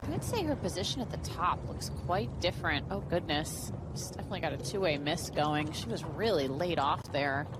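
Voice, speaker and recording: Low-voiced woman commentating on golf outdoors. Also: lively intonation, a little fast, few pauses. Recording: noisy outdoor broadcast ambience. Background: outdoor golf course ambience.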